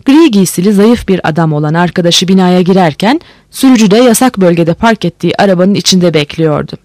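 Audiobook narrator, steady storytelling, scripted read, dry recording. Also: medium pitch, brisk, dry recording.

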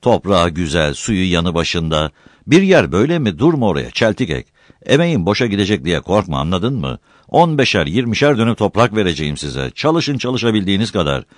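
A man reading a novel aloud, voicing a boisterous older village landlord who talks loudly and coaxingly. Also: deep voice, very animated, fairly quick, no room sound, studio quality. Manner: loud, coaxing, calls people "ula".

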